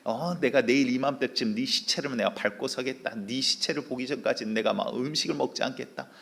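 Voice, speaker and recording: A pastor voicing a furious, vengeful woman, an ancient queen, with slow, threatening speech. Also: medium pitch, creaky, fairly bright tone.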